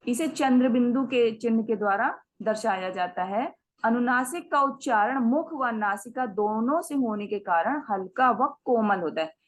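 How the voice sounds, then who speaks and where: A woman teacher with a slightly high voice takes her class through a grammar lesson one step at a time. She sounds out each example word slowly, drops English words into her Hindi and checks in with the students every few sentences. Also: rough recording. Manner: explains step by step, checks in with "है ना" and "ठीक है". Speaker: Sanskrit teacher.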